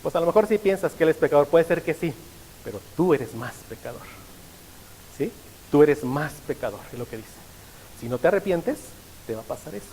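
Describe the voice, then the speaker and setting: A man's voice: fairly high pitch, expressive, a little fast, pauses often, darkish tone, in a large hall, a little hiss or hum, rough recording. A male pastor preaching a sermon, often stopping to ask the congregation rhetorical questions.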